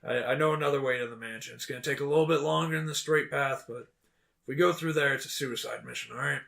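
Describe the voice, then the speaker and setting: A gruff soldier guide with a blunt, commanding manner, quick to bark at the party, played by a man running the game. He sounds like a veteran who once served the fallen city and is close to a plain, everyday voice. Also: medium pitch, bright, forceful tone. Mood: urging.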